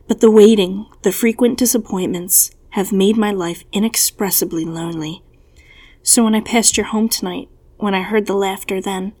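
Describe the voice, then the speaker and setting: A courtly young prince, lonely and earnest, as a woman reads him aloud. He pleads softly in a middle-pitched voice, in a storybook reading. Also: natural voice.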